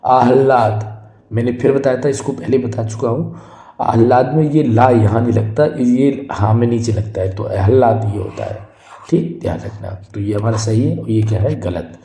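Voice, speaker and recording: Echoey, mellow-voiced male spelling teacher. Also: medium pitch. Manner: drills each word slowly and repeatedly, asks the class questions. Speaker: Hindi teacher. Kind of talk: exam-prep spelling lesson.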